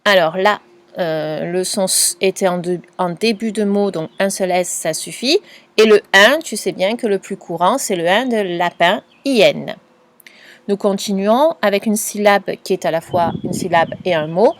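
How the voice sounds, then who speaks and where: A woman teacher giving a patient, clearly spoken dictation lesson to a young pupil, spelling out letters and sounds. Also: medium pitch, normal speed. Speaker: primary school teacher.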